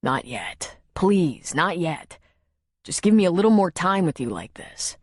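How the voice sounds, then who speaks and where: A woman narrator voicing a lovesick former marine, speaking softly and urgently in a low register. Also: sing-song, a little slow, no room sound, studio quality. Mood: tender, pleading.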